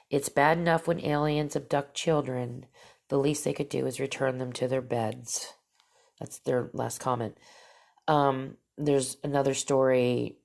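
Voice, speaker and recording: A woman hosts a podcast, casually sharing encounter stories in a low, gravelly, slightly mellow voice that sounds stuffy and nasal from allergies. She rambles, using fillers and restarting her sentences.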